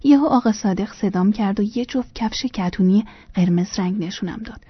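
A woman reads a first-person memoir in a soft, hushed voice that keeps slipping toward a whisper. Her tone is husky and breathy at a middling pitch. The recording is dry, with no room sound, and a little muffled. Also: no echo. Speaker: narrator.

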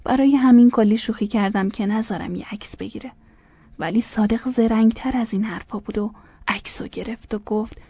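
A woman reading a first-person memoir aloud in a soft voice that often drops almost to a whisper. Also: fairly high pitch, muffled recording, a little hiss or hum. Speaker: narrator.

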